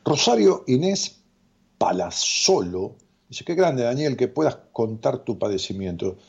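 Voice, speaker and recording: Un hombre con acento rioplatense que conduce una transmisión en vivo como psicólogo, lee comentarios de su audiencia y charla de forma relajada, con muchas muletillas y divagaciones. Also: male voice, medium pitch, unhurried, gravelly, slightly rough. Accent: Rioplatense Spanish. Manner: animated, rambling, jokey, with many fillers. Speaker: psychologist hosting a live stream. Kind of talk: casual live-stream chat reading viewer comments. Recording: dull lo-fi stream audio.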